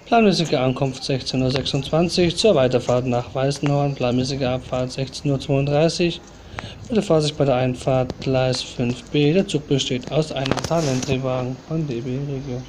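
A man giving train commentary in the flat, formulaic manner of a platform announcement, outdoors at a station. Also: mid-range voice, moderate pace. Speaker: train-spotting video maker and commentator. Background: loud ambience and vehicle noise.

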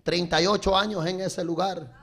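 High, gravelly fervent preacher man. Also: fairly even intonation, moderate pace. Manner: fervent, repeats refrains, rising to shouts. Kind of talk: Pentecostal sermon. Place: church service.

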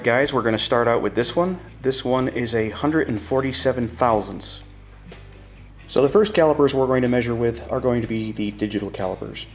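A middle-aged man hosts a casual, hands-on tutorial demonstrating measuring tools, explaining step by step like a plain-spoken machinist. He has a mid-range voice, and the sound is lo-fi.

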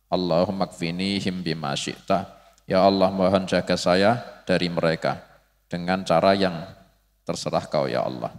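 A man giving a religious study lecture, explaining slowly and acting out prayers in a raised, pleading voice. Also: low-pitched. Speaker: religious teacher. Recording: long hall reverb.

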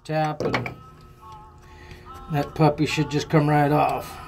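Music runs in the background as a boat owner, his voice on the high side and his pace slow, shows a repair from the bilge. Working with his hands, he keeps it relaxed and chatty, musing out loud in simple folksy terms like a casual hands-on guide.

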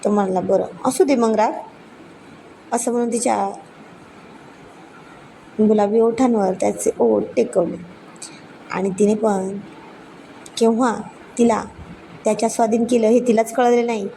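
A woman narrating a romantic story, unhurried and with frequent restarts. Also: a little high, fairly even intonation, gravelly, mellow, slight background noise, rough recording.

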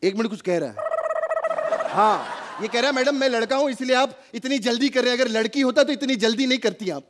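A man doing a wisecracking doctor. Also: very high voice. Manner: sarcastic, quick comebacks. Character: wisecracking male hospital doctor. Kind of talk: stage comedy sketch. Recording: live stage, crowd and noise.

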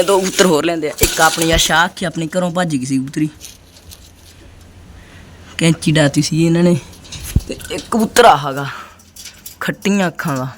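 A man with a Punjabi accent chatting casually to viewers and calling out to his companions in a colloquial vlog style. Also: fairly high pitch. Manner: colloquial, calls out to companions and addresses viewers as friends. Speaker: pigeon-keeping vlogger. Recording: noisy handheld recording with clicks.

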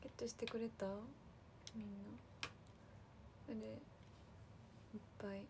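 A woman chatting on a livestream to her fans, casually thanking viewers one by one in a soft, friendly way. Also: on the high side, level tone, a little slow, background noise. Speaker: idol livestream host.

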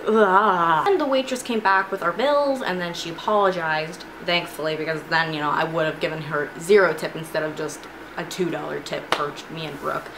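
A young woman, a student, telling a casual storytime vlog in a chatty, animated way with frequent laughs, filmed at home on a camera in her room. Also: deep voice, normal speed. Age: young adult. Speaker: vlogger. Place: bedroom with shelves of figurines, indoors. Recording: noisy home recording.

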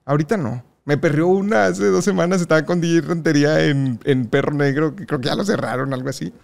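A young man with a Mexican accent, a podcast guest telling personal stories in a casual, lively way with frequent laughter. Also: fairly high pitch, quick pace, gravelly. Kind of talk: casual interview storytelling.

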